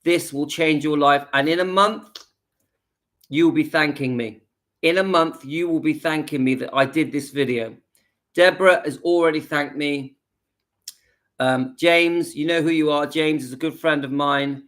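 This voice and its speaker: A man in his late fifties talks straight to his viewers from home, pitched a little high for a man. He is earnest and rousing, and he repeats his lines to drive the point home. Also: fairly even intonation, a little slow, a bit bright. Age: 50s. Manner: earnest, repetitive, rallying the viewers. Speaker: channel host. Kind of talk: casual direct-to-camera vlog.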